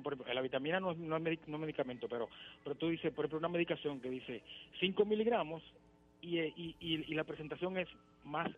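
A man calling in to a radio show, explaining things step by step and often repeating words as he searches for them. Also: on the high side. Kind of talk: casual radio phone-in chat. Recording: tinny phone line.

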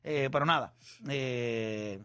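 A man hosting a sports talk radio show, loud and teasing in banter with his co-hosts and callers. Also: medium pitch, takes it slowly, clean tone.

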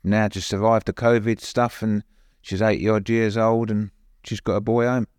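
An older man with an East London accent talks in a fairly low voice. He recounts personal memories in plain, conversational words, often adding "you know", as an interview guest. The sound is very dry, with no room echo. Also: level tone, normal speed, a little mellow, smooth. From East End of London, later Suffolk.

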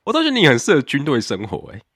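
A man with a Taiwanese Mandarin accent, co-hosting a casual chat. He reacts with big swings in pitch and curses freely. His mid-range voice is recorded close and dry. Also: racing, no room sound. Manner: animated reactions, frequent swearing. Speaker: podcast co-host.

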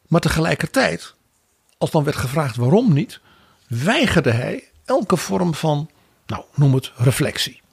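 Male podcast co-host, raspy and gravelly, lively wry political commentary, dry close mic. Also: a little high, unhurried, no room sound. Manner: animated, wry commentary with quoted asides. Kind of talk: political analysis chat.

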